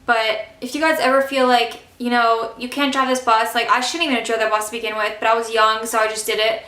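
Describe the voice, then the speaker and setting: A young woman telling a casual storytime vlog, emphatic and fired-up, talking fast with many fillers. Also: a little high, level tone, bright, forceful tone, echoey room. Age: young adult. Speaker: vlogger.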